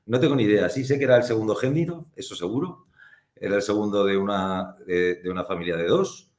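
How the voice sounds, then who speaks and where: A Spanish film producer, a man with a fairly low, slightly mellow voice, talks as a guest in a casual interview. He is thoughtful and reflective, unhurried and pausing frequently. His voice sounds reverberant.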